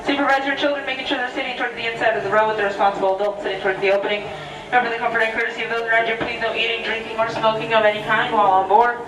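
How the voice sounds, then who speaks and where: A woman reading a measured, polite safety announcement over a train's public address loudspeaker. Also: a little high, steady tone. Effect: heard over a train's public address loudspeaker. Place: open-sided train carriage. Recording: echoey, distant, noisy moving train. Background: train and park noise.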